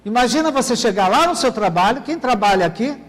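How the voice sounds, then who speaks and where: A very high-pitched male voice, lively in intonation, fairly quick and a bit bright, preaches a sermon as pastor in a church. He frequently asks the congregation "Amém, querido?" for an amen, heard through a long church reverb.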